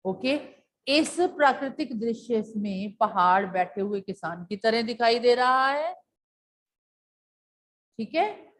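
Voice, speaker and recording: A woman's voice: fairly high pitch, expressive, takes it slowly, pauses often. A woman teacher explaining a poem to her class, patiently repeating key points and asking questions that she then answers herself. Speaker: school teacher.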